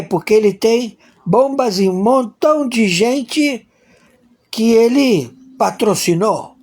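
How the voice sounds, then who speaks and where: A man's voice: high-pitched, a little mellow. Guy ranting about politics, lots of swearing, keeps repeating himself and acting out little dialogues. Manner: crude and profane, acting out imagined dialogues; emphatic, repetitive phrasing. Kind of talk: political rant monologue.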